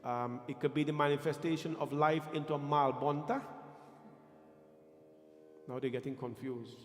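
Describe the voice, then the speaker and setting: This slightly high, steady male voice belongs to a Guyanese preacher giving a religious address to his congregation. He speaks emphatically and deliberately, questioning his audience, while the echoey hall adds long reverb over faint music.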